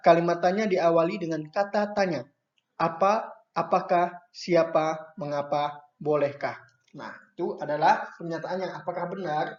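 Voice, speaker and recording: A fairly high-voiced man patiently walks young children through a workbook lesson, pausing with small checks as he goes. The sound is roomy and echoey, with a dull, lo-fi edge. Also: darkish tone. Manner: patient, adds "ya" and "nah" to checks and turns. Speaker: primary school teacher.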